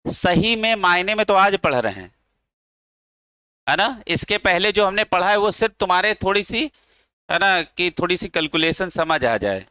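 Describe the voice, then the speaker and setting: A man's voice: high-pitched, lively intonation, normal speed, pushed and bright, clean tone, dry recording. A male chemistry teacher giving a classroom lecture, coaxing his students and drilling them to chant along.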